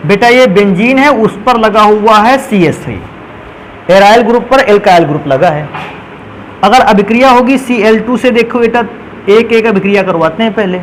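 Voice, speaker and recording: Guy teaching chemistry, high voice, quizzes the class then answers himself, faint hiss behind. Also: rough recording. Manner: calls students "beta", asks questions and answers them himself. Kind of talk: classroom lecture.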